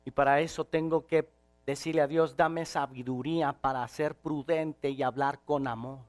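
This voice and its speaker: Man preaching with shouted peaks. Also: a little high, fairly even intonation, normal speed. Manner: swings from shouted to quiet and intimate. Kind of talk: sermon.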